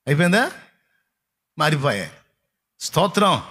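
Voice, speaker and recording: A man's voice: fairly high pitch, very animated, measured pace, sharp tone, husky. A male pastor giving a sermon, speaking emphatically, repeating phrases and firing rhetorical questions at his congregation.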